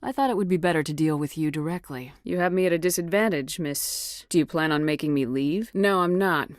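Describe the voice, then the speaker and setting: Woman acting a tough space commander lady from a game, kinda low voice, businesslike and clipped, super dry sound. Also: brisk, no room sound, lightly acted. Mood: cool, guarded. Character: tough, no-nonsense female military space commander. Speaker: video game protagonist. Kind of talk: video game dialogue acting.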